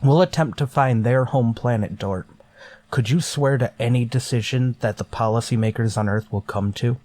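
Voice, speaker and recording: A man voices a stern, authoritative starship captain in a golden age science fiction radio drama, delivering his lines grimly and deliberately. His voice is mid-range and a little mellow, and the acting is light.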